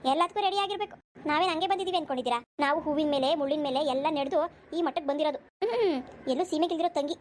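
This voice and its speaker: A woman's voice: high voice, very fast, slight background noise, close to an everyday voice. A woman voicing a proud, scolding middle-aged mother of the groom in a cartoon, grumbling and humming in disapproval. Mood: lecturing. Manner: scolding, grumbling, sighing hums. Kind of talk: cartoon voice acting.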